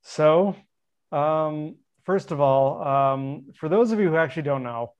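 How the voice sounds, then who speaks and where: A middle-aged man hosting a podcast in natural, unscripted casual talk, friendly and quick to poke fun at himself. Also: fairly high pitch, expressive, smooth. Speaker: podcast host interviewing a friend. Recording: dull lo-fi sound.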